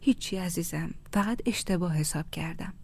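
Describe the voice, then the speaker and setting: A woman voicing a weary, proud mother who speaks softly in a half-whisper in a storybook reading. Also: lowish voice. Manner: soft, hushed, half-whispered. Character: weary, proud young mother, quiet and restrained.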